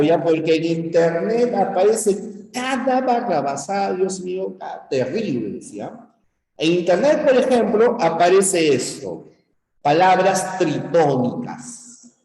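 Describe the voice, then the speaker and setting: A man's voice: sits high, sing-song, slow pace, dark tone. A man with a Peruvian accent teaching a grammar lesson, stressing points and checking in with the class often. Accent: Peruvian Spanish. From Peru. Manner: emphatic, checks in with frequent "¿ya?" and "¿no?". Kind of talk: pre-university grammar lesson. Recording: echoey room with long reverb.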